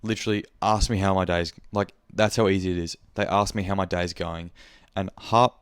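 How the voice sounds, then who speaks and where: A man's voice: low voice, steady tone, brisk, clean tone, no room sound, studio quality. A young man with an Australian accent, hosting a podcast in a casual, rambling monologue, speaking frankly and swearing freely. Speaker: podcast host.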